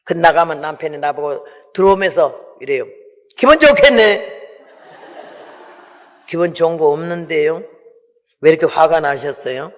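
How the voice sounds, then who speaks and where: A missionary in her eighties delivers an emotional testimony sermon, acting out the dialogue in her story. Her voice sits low with a steady, darkish tone and a slightly fast pace, echoing with the long reverb of a large hall.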